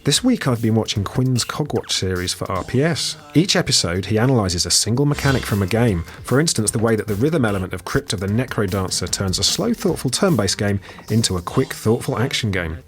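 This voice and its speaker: A man's voice: on the low side, animated, brisk, hardly any pauses. A man, a guest game designer, chatting thoughtfully on a podcast with many fillers and restarts. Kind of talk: casual podcast chat.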